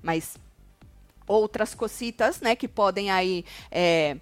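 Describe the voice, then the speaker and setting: A woman's voice: mid-range voice, takes it slowly, soft background music. A woman with a Brazilian Portuguese accent commenting on a reality show, animatedly retelling scenes and acting out what people said. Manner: animated retelling, acts out quotes of others. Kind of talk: casual gossip commentary.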